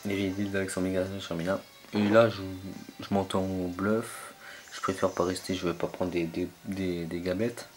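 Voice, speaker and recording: A man's voice: low-pitched, level tone, moderate pace, faint music behind. A young man commentating his own online battle game match, hesitant and full of fillers as he searches for names.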